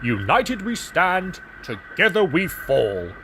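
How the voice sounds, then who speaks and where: A man's voice: fairly high pitch, big pitch swings, slow pace, a little hiss or hum. A man voicing a big, proud male express engine in a storybook, speaking grandly with a chortle.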